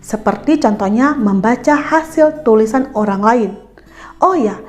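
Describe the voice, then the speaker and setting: A woman with a high voice teaches over music, presenting an educational video as an explanatory school lesson. She speaks instructively, addressing pupils directly with check-in questions.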